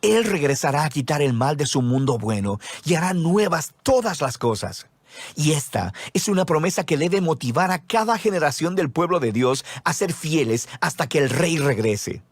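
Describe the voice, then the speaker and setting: A man giving scripted explanatory narration in a measured, teaching style. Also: a little high, big pitch swings, husky, dry recording.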